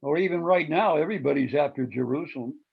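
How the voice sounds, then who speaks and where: A man's voice: a little high, fast, creaky, slightly rough, highs cut off. A man in a church study group, chiming in with short comments and agreement. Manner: brief agreeing interjections.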